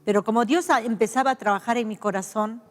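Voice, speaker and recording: An older woman pastor from Peru, with a Peruvian accent, telling her life story as a personal testimony, reflective and heartfelt, pausing and restarting. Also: a little high, long reverb tail. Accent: Peruvian Spanish.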